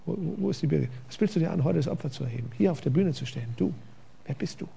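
Man putting on a sneering whispered devil, soft and low in volume, gravelly edge, mocking. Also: animated, racing, exaggerated voice. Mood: taunting. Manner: quiet, taunting, accusing.

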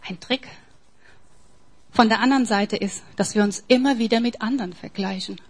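A woman preaching a sermon in an emphatic way, swinging between soft, near-whispered passages and forceful, raised lines. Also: fairly high pitch, moderate pace, husky.

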